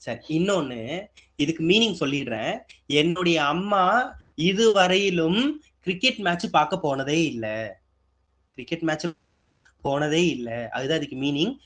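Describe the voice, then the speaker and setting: Higher-voiced man teaching a lesson. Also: animated, normal speed, long pauses, a bit bright. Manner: asks students questions and answers them, repetitive. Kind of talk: exam-prep grammar lesson.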